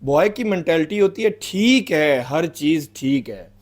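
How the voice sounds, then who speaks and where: A man's voice: a little high, animated, a little slow. A man co-hosting a reaction video, chatting casually and arguing his side in an easygoing way. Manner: easygoing, argues his side with lots of agreeing fillers. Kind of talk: casual chat.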